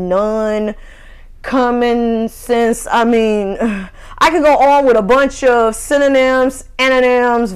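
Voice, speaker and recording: A woman's voice: on the high side, clear, resonant tone. A woman, hosting a casual solo podcast rant that is profane and rambling, full of laughs and restarts. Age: 30s. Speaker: podcast host.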